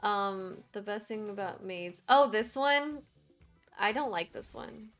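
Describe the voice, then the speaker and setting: Excitable, giggly woman streamer. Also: medium pitch, takes it slowly, soft background music. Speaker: livestreamer. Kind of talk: casual gameplay commentary.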